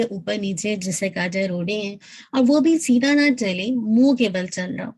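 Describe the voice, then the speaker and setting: A woman teaching Quran recitation in a patient lesson. She works step by step, keeps checking in, and slowly draws out sounds to model them. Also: mid-range voice, a little mellow. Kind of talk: instructive lesson.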